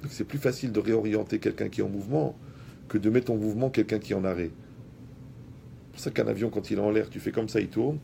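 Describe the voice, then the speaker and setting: A man giving a lively talk to an audience. He speaks colloquially, addresses the listeners directly and uses everyday examples. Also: fairly low pitch, quick pace, creaky, a little hiss or hum.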